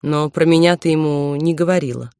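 Woman reading a calm, possessive young romantic lead, gentle, dry studio sound. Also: sits low, normal speed, no echo, natural voice. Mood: gentle probing. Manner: careful, soft-spoken, self-assured. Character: confident possessive young man, gentle lover.

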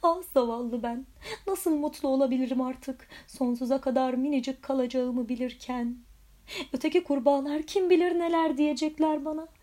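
A woman voicing a tiny, boastful male frog knight who blusters and shouts threats in a storybook. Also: sits high, steady tone, normal speed, close to an everyday voice. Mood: self-pitying.

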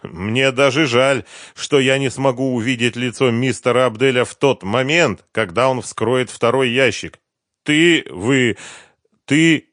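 A man voicing an excitable male colonel who shouts his lines in a high, strained voice. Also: dry recording, studio quality, natural voice. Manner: high-pitched frantic shouting.

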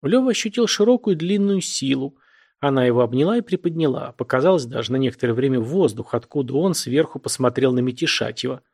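A man narrating a literary novel aloud in a measured, expressive reading. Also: medium pitch, husky. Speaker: audiobook narrator.

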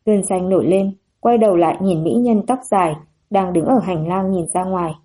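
A woman narrating a novel as an audiobook in a steady, even storytelling manner. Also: mid-range voice, normal speed, husky.

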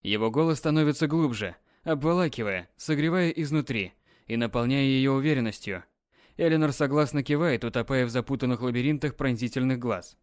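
A man narrating an audiobook in an even, dramatic storytelling manner. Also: mid-range voice, a little fast, no echo, studio quality.

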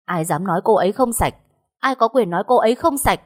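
A woman's voice: mid-range voice, big pitch swings, fast talker. A woman voicing a cold, domineering young husband who speaks harshly and gives orders. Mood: angry. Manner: harsh, commanding.

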